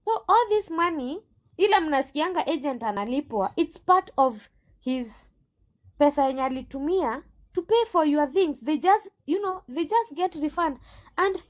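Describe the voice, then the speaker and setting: A woman's voice: high voice, lively intonation, normal speed. A Kenyan woman who runs a recruitment agency, answering interview questions and arguing her case firmly. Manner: assertive, argues her case. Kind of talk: interview guest.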